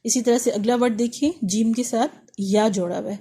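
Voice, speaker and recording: A woman teaching an online lesson on reading Quranic letters, who explains patiently and sounds out each letter slowly, over and over. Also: on the high side, fairly even intonation, mellow, breathy edge. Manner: patient, demonstrates sounds slowly and repeats them.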